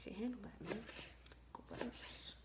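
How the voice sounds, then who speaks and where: A young vlogger chats casually in her home kitchen, rambling, poking fun at herself, and laughing often. She speaks slowly at a medium pitch, with a noisy background.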